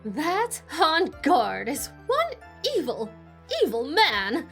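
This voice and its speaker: A woman voicing a loud, pushy old woman witness who loves gossip, in a video game playthrough. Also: very animated, slow, faint music behind, full character voice. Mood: gossipy. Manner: shrill, pushy and scolding.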